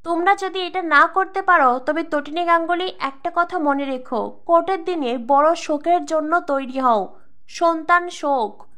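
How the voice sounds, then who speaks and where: A woman's voice: extremely high pitch, unhurried, sharp tone, heavily acted. A woman reading the lines of a menacing older male crime boss from a serial, scornful and threatening.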